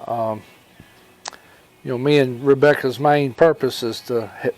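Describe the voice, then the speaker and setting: A man with a rural Alabama accent tells personal stories in an informal fireside storytelling style, folksy and rambling, pausing often and recounting who said what. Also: medium pitch, fairly even intonation, a little mellow. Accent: Southern US, rural Alabama. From Alabama, United States. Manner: folksy, rambling, with pauses and reported dialogue. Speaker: storyteller and homesteading channel host.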